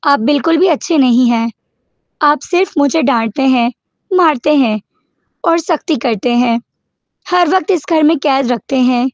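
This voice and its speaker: A woman's voice: high voice, no room sound, close to an everyday voice. A woman reading the lines of a stubborn, childish young woman who pouts and pleads, in a dull lo-fi recording. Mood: sulky. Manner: pouting, pleading.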